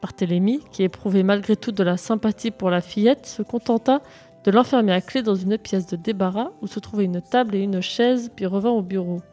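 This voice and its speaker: Woman calmly narrating a storybook. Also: medium pitch, a little fast. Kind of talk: audiobook narration. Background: faint music.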